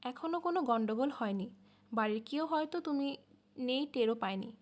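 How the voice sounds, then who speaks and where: A woman's voice: high-pitched, expressive, moderate pace. A woman voicing a brooding young man who asks blunt, probing questions.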